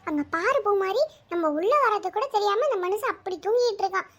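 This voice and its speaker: A woman's voice: very high voice, a little fast, lo-fi sound. A woman voicing a fiery, fed-up village wife and mother in a cartoon. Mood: scolding. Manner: scolding, quarrelsome.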